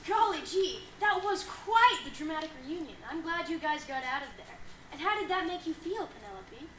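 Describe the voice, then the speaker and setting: A woman's voice: extremely high pitch, expressive, normal speed, fairly bright tone. A woman playing a chipper, bubbly dating-show host in an amateur comedy skit, with a perky, announcer-like delivery. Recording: roomy echo, faint noise.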